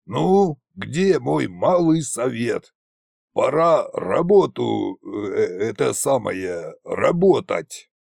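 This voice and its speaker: A man voicing a gruff, lazy old undead king who drinks heavily, speaking in a drawling, slurred way. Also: mid-range voice, big pitch swings, extremely slow, darkish tone, no echo, studio quality, full character voice. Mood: gruff, dismissive.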